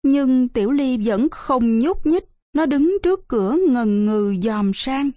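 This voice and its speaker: A woman's voice: sits high, dry recording. Woman narrating a storybook. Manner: measured, expressive storytelling. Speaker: audiobook narrator.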